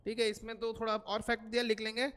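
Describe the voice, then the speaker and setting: A man's voice: high voice, monotone, quick pace, a bit bright. Male coaching teacher, lecture style, asks and answers his own questions, English, long hall reverb. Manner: repeats key figures, asks questions then answers them. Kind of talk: classroom lecture. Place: coaching classroom.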